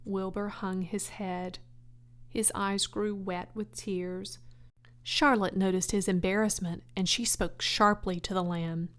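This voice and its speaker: Slow-paced woman storybook narrator. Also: mid-range voice, steady tone. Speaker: audiobook reader. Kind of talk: scripted children's story narration.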